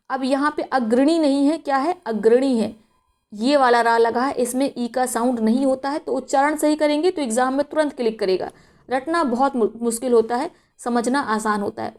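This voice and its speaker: A woman teaching an exam-prep language lesson, going through spelling and pronunciation step by step and checking in with rhetorical questions. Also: high voice. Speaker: Hindi teacher.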